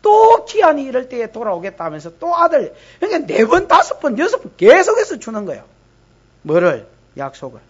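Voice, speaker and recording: A woman pastor with a Gyeongsang accent preaching a lively, teasing sermon to her congregation during a church service. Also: sits high, a little fast, breathy edge, dull audio. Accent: Gyeongsang Korean. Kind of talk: expository sermon.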